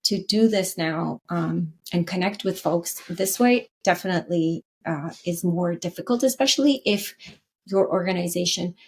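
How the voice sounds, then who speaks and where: With a fairly low pitch and moderate pace, a Canadian woman talks earnestly as a guest in a podcast interview. She's a leadership consultant with a Canadian English accent, and she often restarts and adds "right?" tags.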